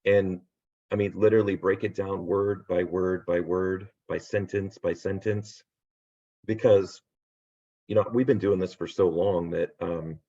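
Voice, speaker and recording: A man hosting a real estate agent training on a video call, upbeat and rambling, losing his voice and clearing his throat. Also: low-pitched, fairly even intonation, a little slow, mellow. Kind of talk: casual video call pep talk. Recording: dull lo-fi video call audio.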